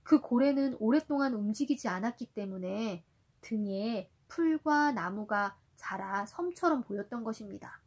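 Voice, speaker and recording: A woman reading a picture book aloud to a toddler in an expressive storytelling style. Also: on the high side, moderate pace, husky.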